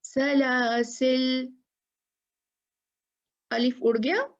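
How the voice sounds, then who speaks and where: A woman teaching tajweed at a slow, unhurried pace. Her voice is somewhat high and gravelly, and she keeps stopping to ask her students questions and to chant verses in a drawn-out way. The audio is dull and lo-fi. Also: darkish tone. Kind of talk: Quran recitation lesson.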